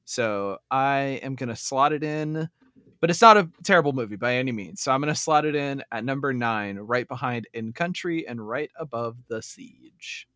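A man co-hosting a casual movie podcast, relaxed and joking, laughing often. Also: medium pitch, normal speed, no echo, studio quality. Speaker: podcast co-host.

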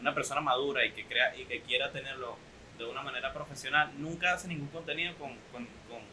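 A man's voice: medium pitch, steady tone, quick pace, pushed and bright, slight background noise, rough recording. A young man with a Venezuelan accent hosting a casual podcast interview, chatty and teasing. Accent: Venezuelan Spanish. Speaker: podcast host.

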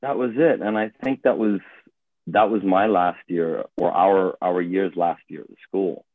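A young man born in Hong Kong talks through his memories in a slow, searching way, full of fillers and restarts. His voice sits very low. It comes over a tinny, phone-like line with no room sound. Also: steady tone, no room sound. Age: 20s. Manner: hesitant, thoughtful, many fillers and restarts. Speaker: guest actor. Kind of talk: casual conversation. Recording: tinny phone-like call audio.

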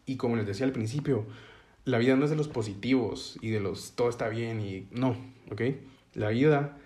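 A man's voice: medium pitch, normal speed, darkish tone. A man giving a casual, explanatory self-help talk, often checking in with listeners as he goes and leaning on everyday metaphors to make his points. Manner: conversational, checks in with listeners with frequent "ok?"; uses metaphors to explain ideas.

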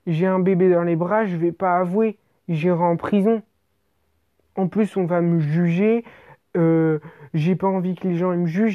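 A woman's voice: lowish voice, dry recording, lo-fi sound. A woman telling an absurd comic story in the first person, in casual slang and with lots of rambling and restarts.

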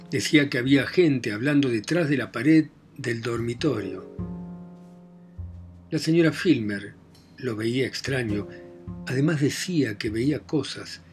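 A man narrating a novel in a measured reading voice, letting his voice drop softly at the ends of phrases. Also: medium pitch.

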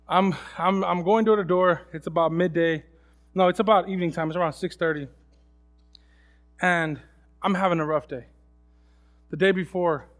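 Casual young man preaching a sermon. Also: on the high side. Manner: casual storytelling, acts out voices of others; many restarts and fillers. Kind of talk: sermon with personal story.

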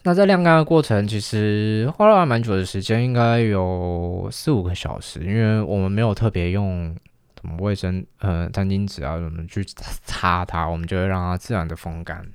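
A young man telling a casual, lively story, acting out the lines of the people in it. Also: sits low, normal speed, smooth, no room sound, clean studio sound. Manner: chatty, animated retelling with quoted dialogue.

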